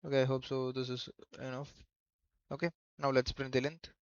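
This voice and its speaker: A man giving a coding tutorial in a halting way, thinking aloud as he goes. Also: medium pitch, little pitch movement, no room sound. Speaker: programming tutor. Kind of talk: screen-recorded coding tutorial. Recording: dull lo-fi microphone.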